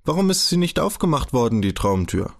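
A naive, childlike young man from an audiobook reading, his questions tumbling out in an urgent, pleading way, as a male narrator puts him on. The voice sits well above the reader's own pitch. He sounds wide-eyed and insistent. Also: very animated, brisk. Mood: urgent questioning.

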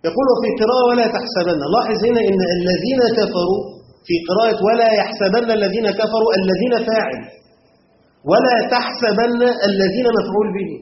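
An Egyptian-accented man teaching a class at a quick clip in a high voice, and he keeps stopping to quiz the students. The recording is roomy and dull, with a faint hiss behind him. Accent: Egyptian Arabic. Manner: quizzes the class with rhetorical checks. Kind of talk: classroom lesson on Quran commentary grammar.

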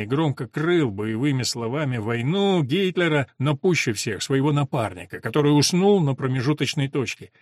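Male audiobook reader, mid pitch, steady literary narration, dry close sound. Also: dry recording.

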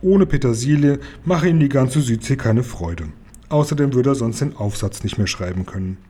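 A man reading a children's story aloud in a lively, characterful way. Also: mid-range voice, normal speed, breathy edge. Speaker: audiobook reader. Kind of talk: storytelling narration.

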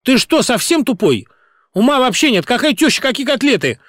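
A man's voice: very high voice, big pitch swings, brisk, a bit bright, no room sound, clean studio sound, pitched above the performer's own voice, exaggerated voice. A man voicing a quarrelsome woman company director who screeches in anger and turns frantic on the phone. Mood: furious.

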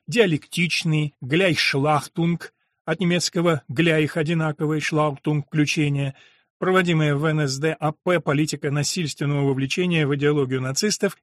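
A man's voice: fairly high pitch, a bit bright, dry recording, studio quality. Man narrating a literary audiobook.

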